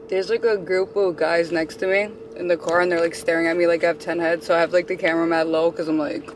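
A woman's voice: mid-range voice, a bit bright, slight background noise. A woman in her twenties chatting casually to her phone camera in a slangy, blunt vlog style with some swearing. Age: 20s. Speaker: vlogger.

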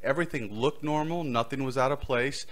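In a small indoor studio, a middle-aged man hosting a podcast delivers a prepared personal story at a brisk pace. His voice is medium in pitch, captured by a close boom-arm mic.

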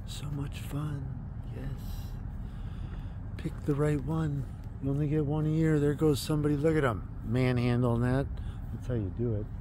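A man in his thirties vlogs outdoors at a tree farm, holding a phone at arm's length and narrating casually. He's enthusiastic and chatty, exclaiming often. His voice is medium-pitched with fairly even intonation at normal speed, and the background is noisy.

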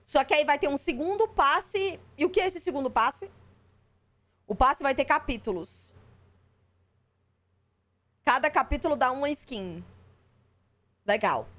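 Skeptical high-voiced streamer woman. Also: animated, measured pace, long pauses, fairly bright tone. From Brazil. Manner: skeptical, exasperated, swears freely. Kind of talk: live stream reaction.

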